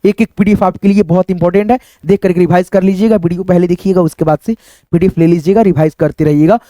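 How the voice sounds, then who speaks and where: A man's voice: high voice, fairly even intonation, quick pace, mellow, no echo, clean studio sound. A male teacher giving an online phonics lesson, spelling words letter by letter, asking questions and repeating the answers, often turning to viewers with tag questions. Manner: keeps addressing viewers as friends with tag questions. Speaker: English teacher.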